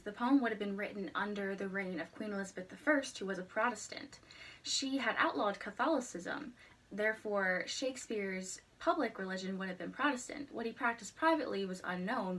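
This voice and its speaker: Woman, formal explanatory presentation, earnest, average pitch, distant-mic sound. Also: a bit bright. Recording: distant microphone.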